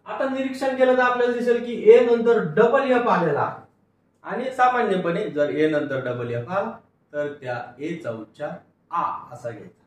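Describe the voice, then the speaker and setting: A man's voice: sits high, moderate pace. A male teacher giving a phonics lecture, patiently sounding out each word and repeating it for pupils to read along. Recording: echoey room from far off, faint noise.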